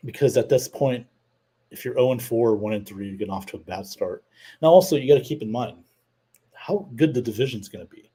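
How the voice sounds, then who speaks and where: Opinionated man with a husky, mellow voice. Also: medium pitch. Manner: opinionated, rambling with fillers, reads chat comments aloud. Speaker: host. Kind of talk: casual livestream sports talk.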